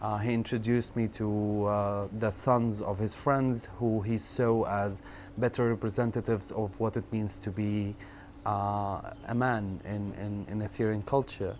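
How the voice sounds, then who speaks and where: Reflective man from Syria, halting. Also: fairly low pitch, level tone, darkish tone. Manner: reflective, halting with repeated words and fillers. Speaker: interviewee. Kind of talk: personal storytelling in conversation. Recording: faint background noise.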